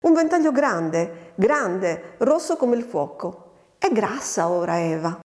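A woman's voice: mid-range voice, sing-song, takes it slowly, a little mellow. A woman voicing a hungry, feisty orphan girl who chatters cheekily, recorded with a long reverb. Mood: chattering.

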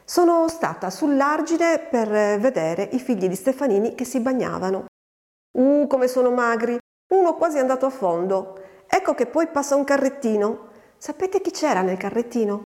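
A woman's voice: medium pitch, animated, a little slow, a little mellow, lightly acted. A woman voicing a hungry, feisty orphan girl who chatters cheekily, recorded with a long reverb. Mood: chattering.

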